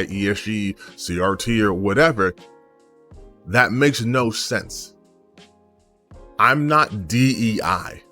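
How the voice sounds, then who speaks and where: A man's voice: fairly low pitch, sharp tone. An American man, a gaming channel host, ranting his opinion off the cuff, emphatic and blunt, firing rhetorical questions and swearing casually. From United States. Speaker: gaming YouTuber. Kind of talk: unscripted opinion rant to camera.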